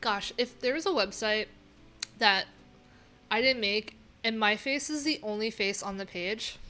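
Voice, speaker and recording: With a medium-pitched voice that sounds pushed and bright, a middle-aged woman speaks a little slowly. She is a web developer hosting a relaxed coding livestream from a small room at home, reading her screen aloud, thinking through things, and adding wry, offhand asides.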